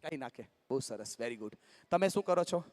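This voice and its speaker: A motivational speaker, talking live to an audience and coaxing and joking with the crowd. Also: male voice, mid-range voice, animated, fairly quick, darkish tone, in a large hall. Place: large hall with live audience.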